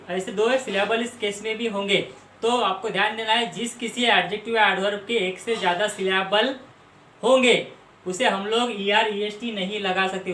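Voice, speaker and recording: This explanatory English grammar lesson is given by a man from Maharashtra, India, whose voice is high with a fairly bright tone. He works patiently, explaining and going over word lists again, in a roomy space with faint noise behind him.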